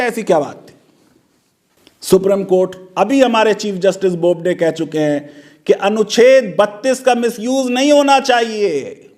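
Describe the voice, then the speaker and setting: Male legal commentator, high-pitched, sarcastic and full of rhetorical questions.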